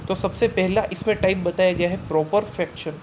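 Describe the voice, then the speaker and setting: Male teacher, math lesson, high voice, asks then answers own questions, noisy recording. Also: fairly even intonation. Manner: reads English definitions slowly.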